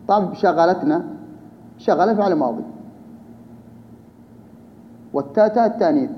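A man teaching a grammar lesson, explaining step by step and putting questions to his students. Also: a little high. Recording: dull lo-fi hall recording with faint noise.

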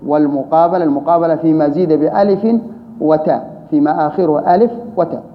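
A man with a high-pitched voice teaches grammar and explains it patiently. He repeats key terms and asks rhetorical questions. The recording is dull and lo-fi, with a long room reverb and a faint hiss underneath. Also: fast talker.

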